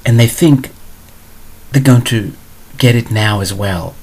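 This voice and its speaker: A man's voice: mid-range voice, takes it slowly, a little mellow, slightly rough. A man hosting a spiritual advice show, answering a viewer question in a blunt, digressive way.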